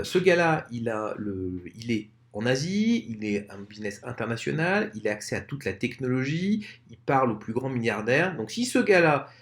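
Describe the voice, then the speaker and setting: A man giving an informal explainer talk to camera, speaking conversationally and addressing viewers directly. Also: medium pitch. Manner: lively, expressive intonation. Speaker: online presenter.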